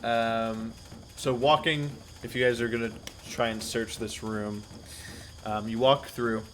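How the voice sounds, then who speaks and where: Slow-talking man running a tabletop game. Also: mid-range voice, little pitch movement, fairly bright tone, a little hiss or hum. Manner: slow, searching descriptions. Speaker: game master.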